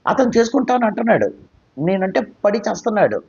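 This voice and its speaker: A man voicing a proud, sharp-tongued unmarried woman, speaking with scorn and indignation in a slightly muffled recording. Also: mid-range voice, big pitch swings, fast, gravelly, slightly rough, pitched above the performer's own voice, full character voice. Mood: angry.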